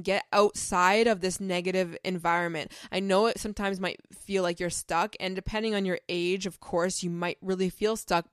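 Young woman podcast host, earnest and heartfelt, casual advice talk, smooth lowish voice, dry close sound. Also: no room sound. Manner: earnest, heartfelt, filler-heavy with many "like"s.

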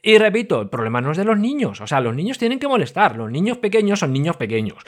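A man's voice: high voice, fast talker. Exasperated man ranting. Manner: exasperated, animated, swings from loud outbursts to muttered asides. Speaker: podcast host. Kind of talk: casual ranting monologue.

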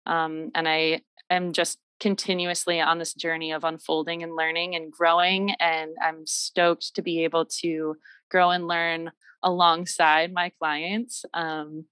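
A woman's voice: sits low, little pitch movement, a little slow, a bit bright, smooth, no room sound, poor audio. A woman who works as a massage therapist, a podcast guest speaking earnestly and reflectively with frequent ums. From Michigan. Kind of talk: casual interview talk.

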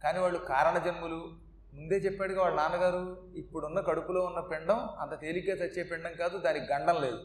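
Man, devotional storytelling, high voice, echoey room. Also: fairly even intonation, fast. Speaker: religious storyteller.

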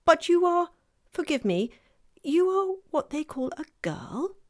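A woman's voice: very high voice, big pitch swings, unhurried, pitched above the performer's own voice, full character voice. A woman voicing a polite, fussy male faun who speaks formally and wistfully, for a storybook reading. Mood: eager. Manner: courtly, formal and eager.

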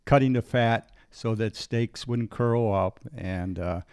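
A man co-hosting a podcast, telling old stories in a relaxed way, often checking in with "right?". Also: lowish voice, slow pace, smooth, dry recording, studio quality. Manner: relaxed storyteller, frequent "right" and "uh". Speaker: podcast co-host. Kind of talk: casual reminiscing conversation.

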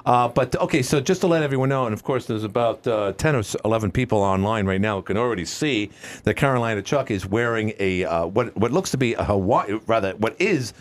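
A man's voice: on the low side, lively intonation, a little fast. A man from the Northeast of the US hosting a radio show, chatting in a jokey, teasing way with his guest in the studio. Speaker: radio host. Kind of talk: casual radio interview.

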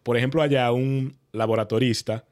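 A man's voice: mid-range voice, steady tone, normal speed, darkish tone. A man from the Dominican Republic with a Dominican Spanish accent, explaining things conversationally through examples. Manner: explanatory, builds points with examples. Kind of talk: conversational discussion.

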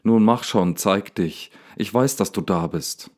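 A man reading a storybook, voicing an agitated young man shouting indignantly at a lion. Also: fairly low pitch, measured pace, lightly acted. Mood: defiant. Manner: angry, indignant outbursts. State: slightly hysterical.

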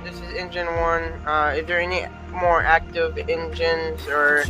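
A man's voice: fairly high pitch, little pitch movement, measured pace, over music, low-quality recording. A man role-playing a fire crew member in an online game, talking in procedural stock radio phrases. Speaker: fire engine role-player.

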